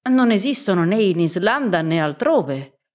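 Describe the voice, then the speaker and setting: A woman's voice: lowish voice, big pitch swings, normal speed. A woman reading as a courteous learned professor. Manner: polite, explanatory.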